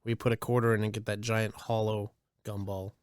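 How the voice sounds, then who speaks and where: A man co-hosting a podcast, chatting in a relaxed way and explaining with fillers. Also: lowish voice, fairly quick, clear, resonant tone, no echo, studio quality. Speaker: podcast co-host. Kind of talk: casual chat.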